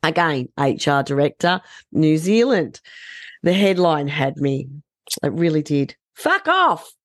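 A woman co-hosting a podcast, chatting casually about the news, blunt and expressive, swearing freely and laughing often. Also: low-pitched, unhurried, dry recording. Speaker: podcast co-host.

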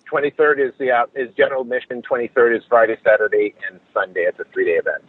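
A man speaking as a podcast guest over a low quality call from his car, eager and rambling with restarts. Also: fairly even intonation, fast, breathy edge, no room sound. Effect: low quality call audio over a phone line. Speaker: podcast guest, event organizer. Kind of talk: promotional chat. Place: in a car while driving. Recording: tinny phone line from a car.

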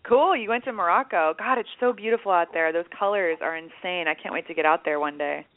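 A woman's voice: lowish voice, fast. Effusive woman hosting over a tinny line. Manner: effusive, informal. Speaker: radio show host. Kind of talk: casual chatty interviewing. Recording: dry, tinny phone-like radio sound.

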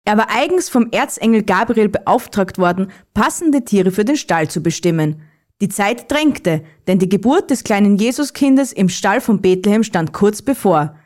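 A woman narrating a Christmas children's story in a calm, even reading voice. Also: medium pitch, normal speed.

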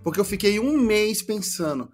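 A man's voice: high-pitched, normal speed, soft background music. A man, a comedian guest, chatting casually and playfully acting out ways of speaking. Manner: animated, jokey, demonstrates intonation. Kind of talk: casual chat.

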